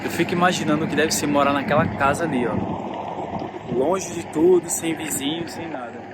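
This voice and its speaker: A man's voice: on the high side, a little fast, heavy background noise. Chatty man, outdoors. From Recife, Brazil. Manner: chatty, easygoing, pointing things out. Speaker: travel vlogger. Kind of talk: casual on-location vlog chat. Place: outdoors in a village. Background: loud music and outdoor sounds.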